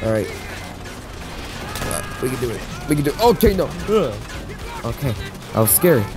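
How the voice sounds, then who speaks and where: A man giving let's-play commentary over his game. His pitch swings widely as he rambles, cracks jokes and chants taunts at enemies. Game music runs underneath. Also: very animated, moderate pace. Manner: joking, rambling, yells repeated taunts at enemies. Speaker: gamer playing a war shooter. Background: game soundtrack and gunfire.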